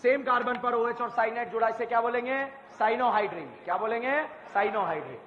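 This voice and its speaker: A man teaching chemistry in an exam-prep lecture, firing questions at students and repeating each answer back to them, with bursts of shouted emphasis. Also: very high-pitched, quick pace, slight background noise. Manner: quizzing students, repeating answers with call-and-response. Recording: echoey hall, muffled lo-fi sound.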